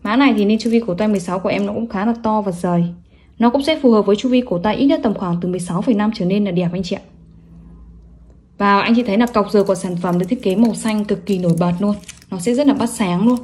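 A woman's voice: mid-range voice, quick pace, darkish tone. A woman selling products online in a salesy, emphatic showcase, running through specs and prices. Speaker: online watch seller presenting products.

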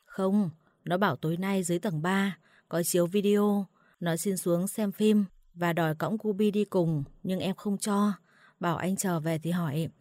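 Gentle worried wife, read by a woman, low voice, dry. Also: steady tone, moderate pace, dry recording, close to an everyday voice. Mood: placating.

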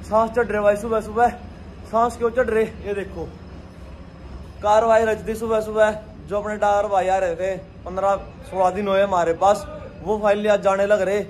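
Young male vlogger, lively selfie-style chat outdoors, a touch high-voiced, faint background noise. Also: normal speed. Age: young adult. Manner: energetic, chatty, talking to viewers. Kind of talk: casual vlog narration. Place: outdoors at a farmyard and street. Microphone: phone held at arm's length.

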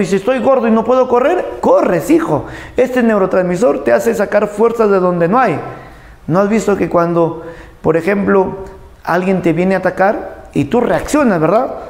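A man's voice: sits high, a little mellow, roomy sound. A man teaching an anatomy class, joking, quizzing his students and acting out cries and gasps. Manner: playful, jokey, asks the class questions and acts out sounds. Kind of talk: lively class lecture.

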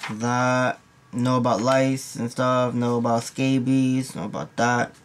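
A young male nursing student gives a casual study review vlog, rambling through exam material with plenty of slang and repeated asides. His medium-pitched voice stays fairly flat and slow, with slight background noise.

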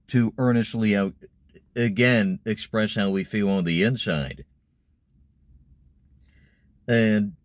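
Addressing the camera from a parked car, this young adult vlogger chats casually and explains aspects of voice acting in a low-pitched voice, recorded with no room sound.

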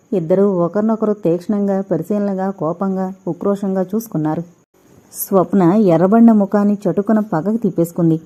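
A woman reading a novel aloud as an audiobook narrator, with steady, expressive storytelling. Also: mid-range voice. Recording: dull lo-fi recording.

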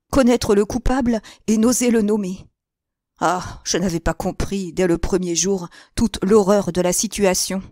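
A woman's voice: medium pitch, a little mellow, no echo, studio quality, natural voice. Woman reading as an anguished young man. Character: young accused man, anguished, proud son.

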